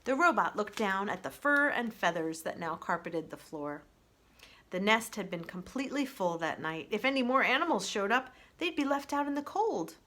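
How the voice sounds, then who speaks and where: A woman reads a children's story aloud with expressive storybook narration, like a librarian would. Her pitch is medium and her speed normal.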